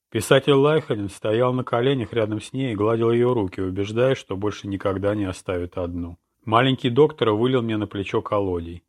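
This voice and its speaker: A man narrating a first-person detective story for an audiobook. His reading is steady and measured, with a low voice. He keeps an even pace throughout. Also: no room sound, clean studio sound.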